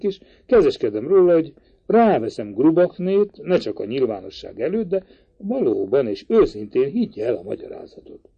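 A man's voice: medium pitch, husky, dry recording. A man voicing an earnest young man in an audiobook, explaining and persuading eagerly. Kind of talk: audiobook reading. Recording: dry, slightly dull recording.

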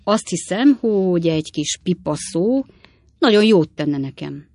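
A woman voicing a calm, wry-humored older man who is the young servant's father. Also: on the low side.

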